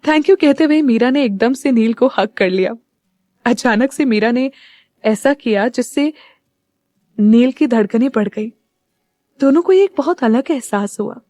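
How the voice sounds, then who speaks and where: A woman narrating an audio story in a measured, scripted storytelling voice. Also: a little high, animated, mellow, dry recording, studio quality.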